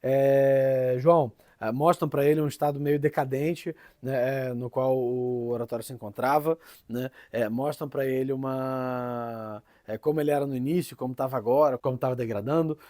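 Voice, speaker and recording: A man's voice: mid-range voice, fairly even intonation, moderate pace, warm tone, dry recording, studio quality. A man with a Brazilian Portuguese accent gives an informal teaching talk, tagging many phrases with "né?" and often restarting.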